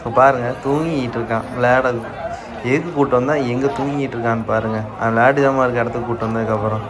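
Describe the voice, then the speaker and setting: Fast-talking Tamil Nadu man narrating a vlog. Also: mid-range voice, fairly even intonation. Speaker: vlogger. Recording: busy outdoor crowd noise. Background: crowded market bustle.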